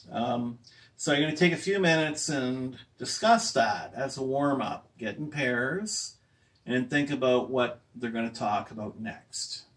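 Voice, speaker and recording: A man speaking slowly and patiently as a teacher, walking language learners through a listening exercise. He pauses to check whether anyone has questions. His voice sits at an ordinary pitch and comes from some distance away from the mic. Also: a bit bright. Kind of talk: classroom lesson to language learners.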